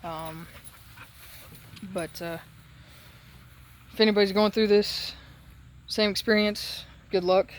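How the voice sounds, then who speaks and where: A man talking casually and haltingly in a solo update while recovering from surgery with a sore throat. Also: sits high, fairly even intonation. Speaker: patient giving a recovery update.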